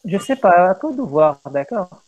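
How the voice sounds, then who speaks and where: Un homme, professeur, donne un cours de poésie française en visioconférence, patient et guidant ses élèves. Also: male voice, high voice, sing-song, measured pace, phone-quality sound. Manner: patient, guiding, repeats praise. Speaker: teacher. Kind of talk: online French poetry lesson.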